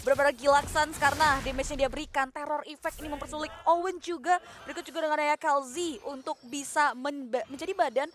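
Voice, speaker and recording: A woman's voice: high-pitched, steady tone, fast talker, few pauses. A woman with an Indonesian accent giving live esports commentary in long, elaborate phrases with English gaming terms mixed in.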